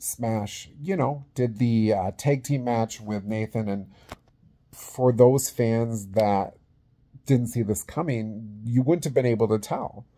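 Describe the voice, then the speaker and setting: Husky, creaky man presenting awards casually. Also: mid-range voice, slow pace, warm tone. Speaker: vlog host presenting awards. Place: small indoor room with plain wall. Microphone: phone at arm's length.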